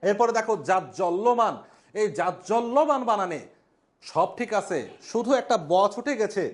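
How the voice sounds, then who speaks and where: A male language instructor giving a classroom spelling lesson at a board, drawing out each word slowly and repeating it. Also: sits high, expressive. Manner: slow, drawn-out repetition of spellings.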